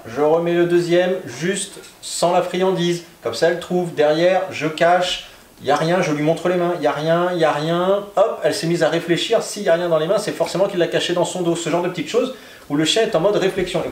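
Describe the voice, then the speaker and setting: Calm French-speaking dog trainer, man. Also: a little high. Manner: calm, firm short commands. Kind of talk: home training demonstration. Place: indoors at home. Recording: echoey room.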